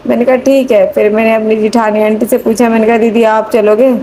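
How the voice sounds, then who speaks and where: A woman's voice: a little high, flat delivery, fairly quick, dark tone, slight background noise. A middle-aged woman giving a devotional testimony, earnest and pleading as she prays and chants.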